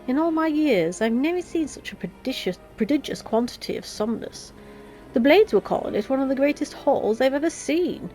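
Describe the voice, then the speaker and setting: A woman's voice: high voice, lively intonation, moderate pace, warm tone, faint music behind. A woman voicing a breezy, chatty male adventurer, reading fantasy game dialogue with jaunty theatrical flair. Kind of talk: video game dialogue read aloud.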